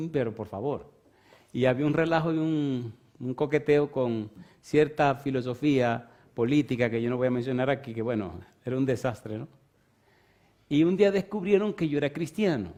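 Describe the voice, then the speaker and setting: A middle-aged male pastor who tells a personal story in his sermon in a lively, conversational way and teases the congregation. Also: mid-range voice.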